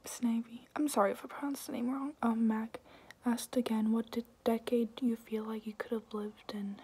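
A young adult woman whispering softly and close up in a hesitant, rambling, casual ASMR question-and-answer style. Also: a little high, little pitch movement, moderate pace. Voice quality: breathy, unvoiced whisper. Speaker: ASMR video creator. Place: small room indoors, at home.

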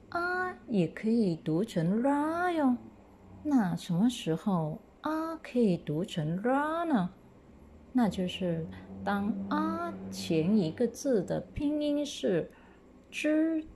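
A woman teacher from Malaysia, reading example words slowly and clearly for pupils to repeat. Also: fairly high pitch, darkish tone, slight background noise. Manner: slow, drawn-out model reading for pupils to repeat. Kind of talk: slow classroom pinyin lesson.

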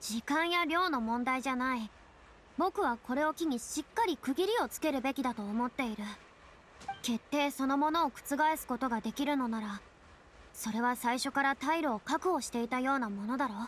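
Furina, haughty high-voiced young woman. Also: normal speed, fairly bright tone, a little hiss or hum. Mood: resolute, wistful. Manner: haughty, dramatic, speaks with boyish self-reference. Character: proud, theatrical young woman, a retired star, boyish speech. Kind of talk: Japanese anime-style game voice acting. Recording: studio voice over game music.

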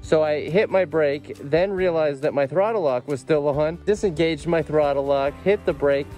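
A man's voice: a little high, moderate pace, darkish tone, soft background music. A man in his forties vlogging outdoors beside his motorcycle, telling the day's story in a wry, matter-of-fact way to a camera held at arm's length. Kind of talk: casual travel vlog. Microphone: phone or action camera at arm's length.

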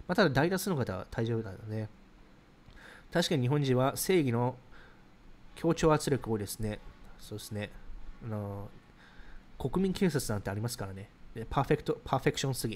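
Fast-talking man chatting on a livestream. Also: mid-range voice, darkish tone. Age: 30s. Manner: rapid, chatty, explains ideas while reacting to comments. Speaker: livestream host reading viewer comments. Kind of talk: casual livestream chat.

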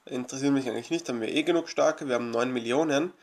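A man's voice: mid-range voice, rapid-fire. A man casually commenting on his own gameplay as a let's play host, chatty and rambling with many fillers, eager and grateful toward his viewers.

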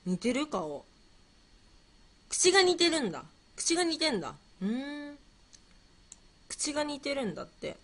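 A woman's voice: sits high, big pitch swings, measured pace, long pauses, fairly bright tone. A woman hosting a casual livestream, playfully fumbling through quiz questions and chatting with viewers, musing aloud and repeating herself. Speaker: livestream host.

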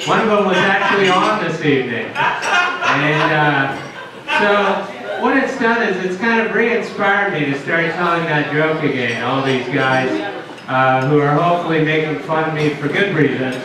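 A stand-up comedian in his thirties performs on a small, dark pub stage with a handheld mic, delivering jokes slowly and deadpan in a fairly high voice, with asides to the crowd. The echoey pub audio sounds distant, with audience chatter and laughter in the background.

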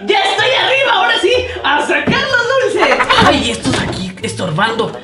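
A silly clown with the whiny, exclaiming manner of a greedy child. The voice sits very high in a roomy house, with loud music over it, as in a slapstick kids' show. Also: male voice, very animated, moderate pace. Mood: gleeful, greedy. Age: young adult. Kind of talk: slapstick children's sketch comedy. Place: tiled living room and kitchen at home.

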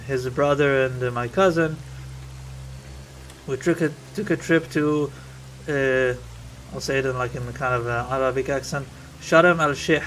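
A man's voice: on the high side, fairly bright tone, slight background noise. A man from Israel, rambling through casual gameplay commentary as a streamer and thinking aloud.

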